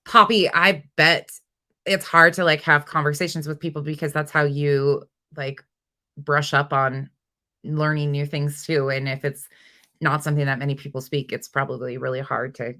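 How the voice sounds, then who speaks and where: Her low voice has little pitch movement and a sharp tone, delivered at a moderate pace. She is a livestream host in casual conversation, informally going from one viewer comment to the next and responding.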